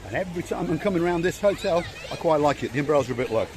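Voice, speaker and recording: A man's voice: on the high side, expressive, racing. An older man giving an enthusiastic walk-around commentary of a hotel, repeating his praise as he goes. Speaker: vlogger touring a hotel. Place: outdoors and indoors in a hotel, walking.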